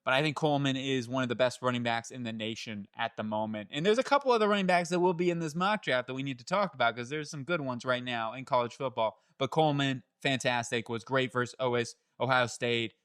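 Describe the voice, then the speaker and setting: A man hosting his own channel, talking through football draft picks in a chatty, animated way that jumps up in pitch when he gets excited and often corrects himself. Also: clean tone, dry recording, studio quality. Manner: chatty, self-correcting, laughs at own slips. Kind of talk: solo sports analysis talk.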